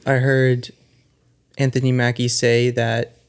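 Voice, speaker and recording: A young adult man co-hosting a podcast, giving measured, hedged thoughts on a movie. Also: medium pitch, monotone, smooth. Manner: measured, hedging. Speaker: podcast co-host. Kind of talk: casual movie discussion.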